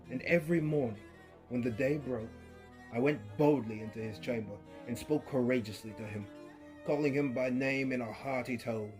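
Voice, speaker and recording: A narrator reads a horror story in a dark, mellow, medium-pitched voice, slow and deliberate, with faint violin music behind him. He lurches from near-whispers to sudden loud outbursts, sounding unhinged and letting out creepy laughs in this dramatic reading.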